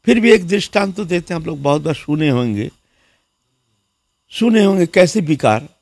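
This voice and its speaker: Gravelly, lively male monk preaching. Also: a little high, moderate pace, dry recording. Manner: lively storyteller who acts out the people in his story; repeats words and fills with "haan". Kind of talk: devotional sermon with storytelling.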